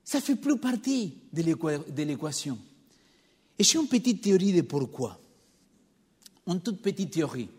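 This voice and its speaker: The recording has the long reverb of a church hall, where a man with a noticeable non-native French accent preaches and poses rhetorical questions to his congregation. His voice is on the high side, darkish, and slightly rough.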